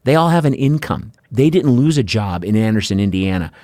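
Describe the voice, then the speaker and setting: A man's voice: on the low side, fairly quick, dry recording, clean studio sound. A male podcast host ranting bluntly and sarcastically in a political talk show conversation, swearing freely. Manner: blunt, profane, ranting delivery; animated, sarcastic storytelling.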